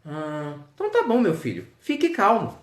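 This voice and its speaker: A man voicing a calm, gently teasing old zen master. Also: high voice, normal speed, voice pushed up. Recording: echoey with loud crickets.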